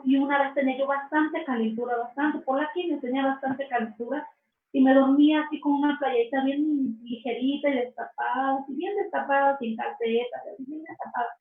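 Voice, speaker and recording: A woman telling her faith testimony in an interview, earnest and slow, often restarting her phrases. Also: high voice. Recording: echoey, distant, phone-like sound.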